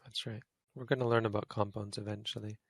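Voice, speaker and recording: A man's voice: fairly low pitch, little pitch movement, fast, gravelly, breathy edge, no echo. A man, a Buddhist monk, giving an informal grammar lesson to a study group, thinking aloud and correcting himself as he goes. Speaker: Buddhist monk teaching Pali.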